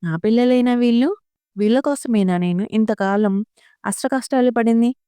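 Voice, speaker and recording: Mellow, smooth-voiced woman storyteller. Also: fairly high pitch, normal speed, no echo, clean studio sound. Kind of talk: scripted first-person audio story narration.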